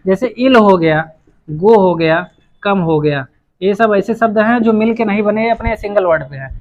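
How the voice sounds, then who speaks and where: At normal speed and in a high voice, a man works through an English grammar explanation on a whiteboard. He patiently repeats things and restarts phrases mid-writing. The audio is lo-fi.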